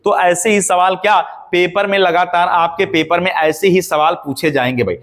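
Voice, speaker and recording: A man's voice: sits high, fairly even intonation, moderate pace, a bit bright. A man teaching an exam-prep lesson, asking questions and repeating the answers to drill them in.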